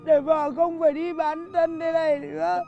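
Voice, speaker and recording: A bumbling pleading husband. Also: male voice, very high-pitched, level tone, moderate pace, creaky, highs cut off, soft background music. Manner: pleading, flustered, stammering repeats. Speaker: husband in a comedy sketch. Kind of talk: comic film acting.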